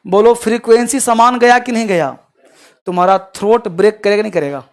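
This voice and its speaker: A man teaching a class in a lecture style, constantly quizzing his students and swinging between loud emphasis and quiet asides. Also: high voice, fairly even intonation, brisk. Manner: addresses students with frequent quizzing questions.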